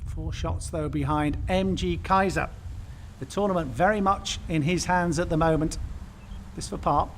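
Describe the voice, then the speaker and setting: A man giving golf commentary for television in measured, short, understated phrases. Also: a little high, fairly bright tone, slight background noise.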